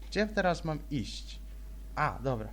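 A young man giving casual, rambling let's-play commentary, chattering almost without pause as he plays. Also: on the high side, very animated, fairly bright tone. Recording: faint noise, game sound behind.

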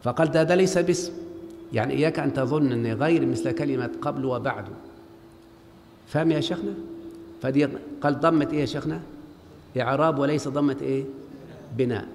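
This Egyptian-accented man has a mid-range, darkish voice with a steady tone; he talks fast but leaves long pauses. He lectures on Arabic grammar in a large mosque, calling out questions for his students to answer back. The hall's long reverb and faint background noise are audible.

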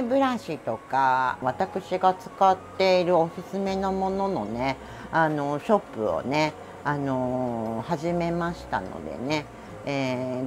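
Over a noisy background, a low-pitched middle-aged woman speaking with a Kansai Japanese accent narrates a cat grooming demonstration. She's chatty, sprinkling in asides and giggles.

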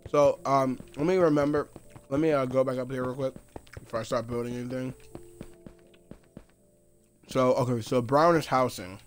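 A man's voice: medium pitch, steady tone, moderate pace, pauses often, faint music behind. A man streaming a video game live, talking casually as he plays, muttering to himself and laughing often. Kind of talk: casual live gameplay commentary.

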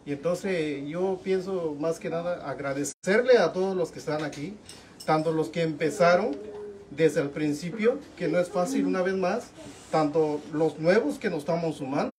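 A man giving an earnest, hesitant talk to a community meeting in a small room, with many fillers. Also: on the high side. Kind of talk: impromptu speech at a meeting. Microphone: far camera. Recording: distant camera mic, crowd murmur.

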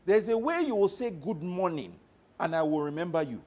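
A male motivational trainer speaking to a roomful of staff, his voice pitched a little high and swinging widely as he tells stories. He keeps stopping to check that his listeners are following him. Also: fast. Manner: animated storyteller who checks in with the audience. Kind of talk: live workshop talk to staff.

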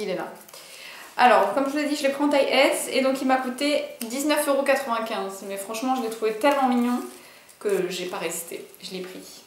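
Chatty young woman in an echoey room. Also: fairly high pitch. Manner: chatty, bubbly, many fillers and asides. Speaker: vlogger. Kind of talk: casual clothing haul.

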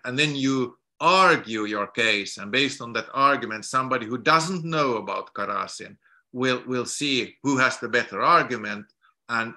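A middle-aged guest lecturer from Finland joins by video call from his home study, its walls lined with books. His medium-pitched voice is strikingly bright, and he explains haltingly, restarting often and repeating words.

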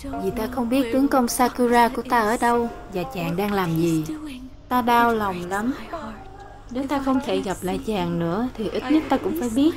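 A woman's voice: on the high side, moderate pace, close to an everyday voice. A woman voicing a mournful ghost woman. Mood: sorrowful. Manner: formal, sorrowful, archaic speech. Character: grieving female ghost searching for her husband. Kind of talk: game dialogue. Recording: game audio with music behind. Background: music.

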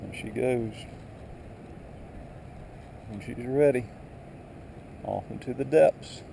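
A man's voice: medium pitch, takes it slowly, creaky. A man giving casual fishing commentary, talking to the fish in short murmured remarks outdoors. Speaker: angler. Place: outdoors on a lakeshore. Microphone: body-worn action camera. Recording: windy, noisy outdoor action-camera audio.

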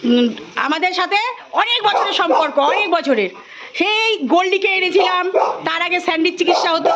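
A woman's voice: extremely high pitch, moderate pace, muffled recording, very noisy. A woman vlogging at home about her pet dogs, talking casually and often cooing to them in sing-song baby talk. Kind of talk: casual home vlog narration.

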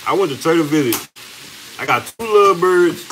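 A man telling a story in a home kitchen, with a fairly high, very lively voice that swings up and down as he laughs through the tale. There is a faint hiss behind him, and food sizzles in a pan. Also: moderate pace, poor audio. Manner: animated, laughing storyteller, Southern-style slang. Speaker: cooking vlog co-host. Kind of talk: casual storytelling chat.

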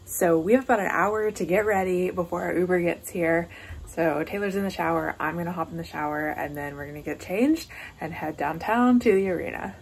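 A woman's voice: fairly low pitch, fairly quick, creaky. A woman vlogging a road trip, chatting upbeat about trails and plans as she goes. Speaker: travel vlogger. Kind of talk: casual travel vlog narration. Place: outdoors on hiking trails and city streets. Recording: noisy outdoor camera audio.

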